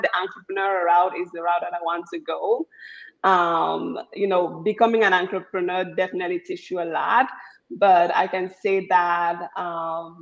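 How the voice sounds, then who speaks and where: Woman on dull lo-fi audio. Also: lowish voice. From Cameroon. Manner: measured, many "um" pauses. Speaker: panelist, startup founder. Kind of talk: panel discussion answer.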